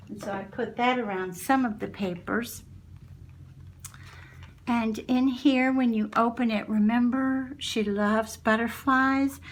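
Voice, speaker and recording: A woman chatting casually and affectionately as she presents a handmade craft project to her viewers. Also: on the high side. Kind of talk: casual craft show-and-tell.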